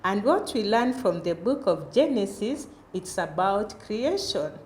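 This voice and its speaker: A woman's voice: mid-range voice, very animated, unhurried, darkish tone. A woman Sunday school teacher talking to young children like a kindergarten teacher, in simple phrases with questions for them. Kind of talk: children's Bible lesson. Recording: echoey room, faint background noise.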